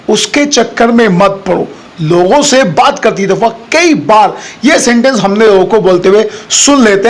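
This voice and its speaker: High-voiced man teaching spoken English. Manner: repeats English phrases slowly and deliberately for learners.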